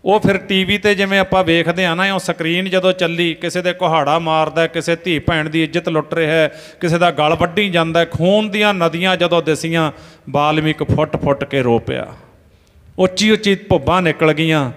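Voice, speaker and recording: High-voiced male preacher in a reverberant hall. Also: fairly even intonation, fairly bright tone. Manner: storytelling, moves between speech and slow chanted verses. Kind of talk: religious sermon with sung verses. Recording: reverberant hall with faint music.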